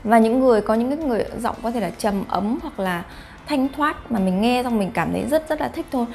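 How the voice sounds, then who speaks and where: Woman vlogger, chatty, rhetorical questions, gravelly vocal fry, soft music underneath. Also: on the high side, expressive, fairly quick. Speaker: YouTube vlogger host. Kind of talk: talking to camera about face reading.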